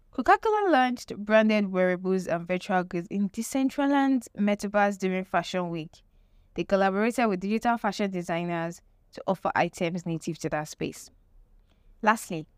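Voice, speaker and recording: A woman's voice: medium pitch, no echo, studio quality. A woman presenting an explanatory lesson with tips, emphatic, repeating key phrases and posing rhetorical questions. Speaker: presenter teaching marketing tips.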